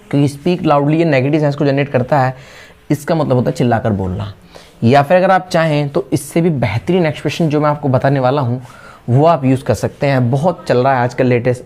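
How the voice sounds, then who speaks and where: A man with an Indian accent teaching spoken English, explaining patiently and repeating example phrases slowly. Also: fairly high pitch, darkish tone.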